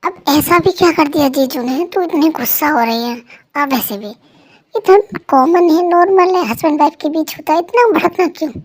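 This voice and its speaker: A woman's voice: high-pitched, moderate pace, lightly acted. A woman playing a teasing, playful young female friend in a fan story role-play.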